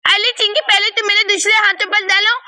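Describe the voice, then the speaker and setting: A woman doing a shrill, fussy little girl doll. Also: flat delivery, brisk, pushed and bright, full character voice. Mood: demanding. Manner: whiny, demanding. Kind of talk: doll play-acting.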